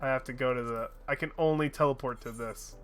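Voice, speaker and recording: While playing a game on stream, this person talks in a relaxed way, cursing without restraint and laughing off their mistakes. Their medium-pitched voice moves fairly quickly, with faint music in the background.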